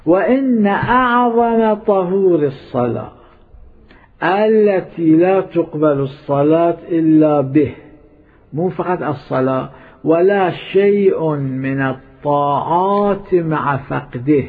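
A man's voice: on the high side, slow. A man with an Iraqi Arabic accent preaching a sermon as a cleric, emphatic and scolding, repeating his points. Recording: tinny phone-like sound.

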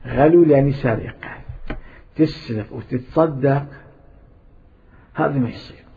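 A man's voice: mid-range voice, a little slow, warm tone, husky. A man with an Iraqi Arabic accent preaching a sermon as a cleric, emphatic and scolding, repeating his points. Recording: tinny phone-like sound.

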